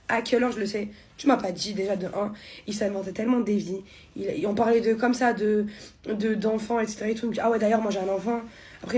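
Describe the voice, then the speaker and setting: Fast-talking young woman telling a heated story. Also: medium pitch, darkish tone, a little hiss or hum. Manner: fast, heated, acts out both sides of a quarrel. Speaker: content creator telling a story. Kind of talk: casual storytime to camera.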